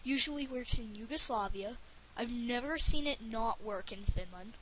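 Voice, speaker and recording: A woman's voice: on the high side, normal speed, fairly bright tone, low-quality recording. A woman giving casual gameplay commentary for a let's play, rambling and stumbling over her words with lots of fillers. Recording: faint hiss under the voice.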